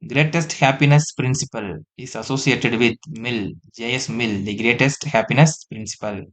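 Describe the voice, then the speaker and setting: A man, teaching an exam-prep lesson, reading multiple-choice questions and repeating each answer slowly, often dropping into quieter asides. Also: mid-range voice.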